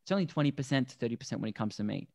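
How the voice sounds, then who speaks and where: A man, a guest on a podcast, explaining things earnestly and deliberately in a conversational interview. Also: medium pitch, animated, gravelly, a little mellow, no echo, studio quality. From Australia. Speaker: podcast guest, endurance athlete.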